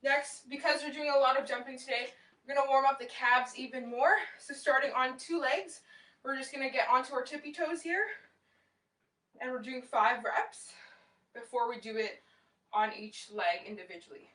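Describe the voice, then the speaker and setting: A young woman fitness instructor with a bright, higher-pitched voice, cueing moves and encouraging her class as she exercises. She is recorded from across a small, echoey room at home. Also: normal speed. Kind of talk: live home workout class instruction, counting reps. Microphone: far camera across the room. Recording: roomy echo, distant camera mic.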